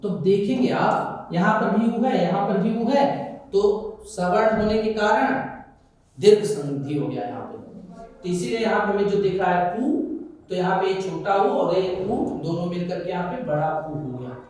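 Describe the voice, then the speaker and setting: A man with a high, light voice teaches pronunciation, going through each sound slowly and checking in with the class as he goes. His voice comes from some way off the mic and rings around a very echoey room. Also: expressive, a little mellow, recorded from a distance. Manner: explains step by step, often asks the class questions and answers them himself. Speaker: Sanskrit teacher.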